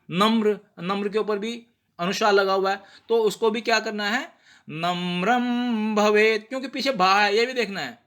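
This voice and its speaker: A man giving a patient pronunciation lesson, sounding out words slowly and checking in with rhetorical questions. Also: high voice, a bit bright. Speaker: teacher of prayer pronunciation. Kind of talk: explanatory lesson.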